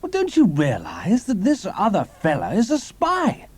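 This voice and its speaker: Loud, indignant drunken traitor, voice raised. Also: male voice, high-pitched, wildly swooping pitch, unhurried, slightly rough, heavily acted. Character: drunken, boastful, suspicious male wartime traitor. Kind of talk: audio drama acting.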